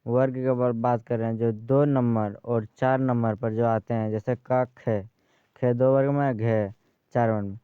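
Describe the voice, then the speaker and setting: Guy teaching grammar real slow, repeats the key words, smooth clear voice, kinda dull lo-fi sound. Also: mid-range voice, steady tone, dry recording. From Bihar, India. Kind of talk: grammar lesson.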